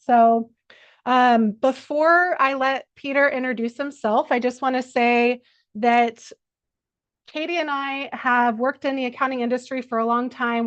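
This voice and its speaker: A woman's voice: on the high side, no echo, lo-fi sound. A woman hosting a live webinar, introducing the guest in an upbeat, welcoming way. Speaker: host.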